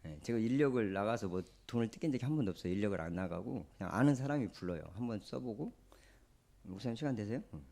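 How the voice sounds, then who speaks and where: Low, mellow Jeolla-accented male pastor. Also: animated, rapid-fire, gravelly, few pauses. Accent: Jeolla Korean. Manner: conversational, storytelling, acts out quoted speech. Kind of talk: sermon.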